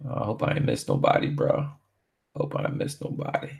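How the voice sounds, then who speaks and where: A man from Barbados rambling casually on a live stream, laid-back and slangy, full of filler phrases and shout-outs. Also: fairly quick.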